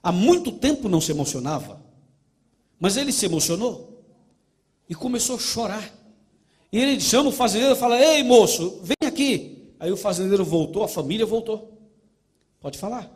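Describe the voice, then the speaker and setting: A man's voice: high-pitched, sing-song, fairly quick, long pauses, darkish tone. A male pastor giving a sermon, telling a parable vividly and asking rhetorical questions. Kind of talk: sermon with storytelling.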